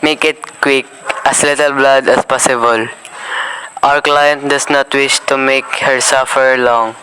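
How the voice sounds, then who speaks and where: A cold-blooded crook played by a young man who lays out a killing in a flat, monotone, sharp-edged voice. Faint noise hangs behind him. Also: mid-range voice, measured pace, low-quality recording. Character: cold criminal man ordering a murder.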